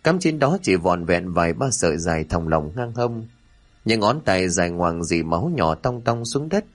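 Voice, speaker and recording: Male horror narrator, dramatic delivery, lowish voice. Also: moderate pace. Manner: dramatic, expressive reading. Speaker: storyteller.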